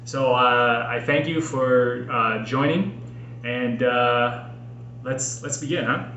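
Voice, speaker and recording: A podcast host and author from Minnesota reads from his own book, like a homemade audiobook, in a medium-pitched voice. He speaks slowly, earnestly and expressively, placing each phrase with care. Noticeable room echo surrounds him, with faint noise beneath.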